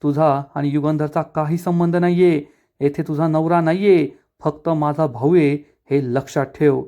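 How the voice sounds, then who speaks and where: A man putting on a bossy, enraged woman who snaps and threatens, pitched high above his usual voice. Her scolding is harsh and clipped, with a mellow timbre underneath. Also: steady tone, moderate pace, natural voice. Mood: threatening. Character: angry domineering woman, sister of the master.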